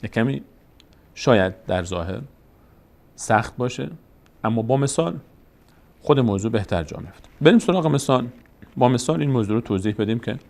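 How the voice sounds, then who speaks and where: A man's voice: medium pitch, vocal fry, darkish tone. A man teaching Quran reading in a patient, step-by-step way, posing questions and answering them himself. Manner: patient, explanatory, asks and answers his own questions. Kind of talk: recorded lesson.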